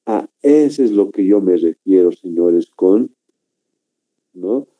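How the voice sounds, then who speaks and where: A man teaching a grammar class, speaking slowly and repetitively, often tagging sentences with a questioning "no?" and addressing the students as gentlemen. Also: sits low, expressive. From Bolivia. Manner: slow, repetitive, keeps asking "¿no?" and addressing "señores". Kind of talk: classroom lecture. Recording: dull lo-fi recording.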